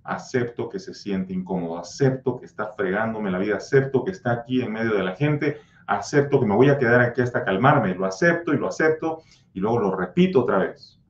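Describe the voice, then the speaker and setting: A man's voice: mid-range voice, lively intonation, fairly quick. A man hosting a livestream about anxiety, answering viewer comments in a blunt, scolding, insistent way and drilling repeated mantras. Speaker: anxiety coach and channel host. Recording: roomy, slightly dull sound.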